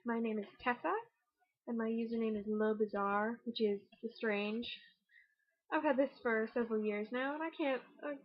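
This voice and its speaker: Young canadian woman, canadian accent, kinda high and husky, chatty and rushed, muffled webcam sound. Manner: chatty, rushed and self-mocking. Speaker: vlogger. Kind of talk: casual accent challenge video.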